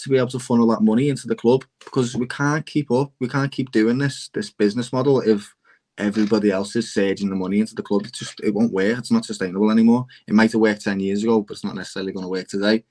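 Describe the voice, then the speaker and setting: A young man with a Liverpool accent, passionately arguing in a casual football debate and calling everyone "lad". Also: medium pitch. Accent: Liverpool (Scouse). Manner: passionate, repeatedly says "lad", animated. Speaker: Liverpool fan panelist on football podcast.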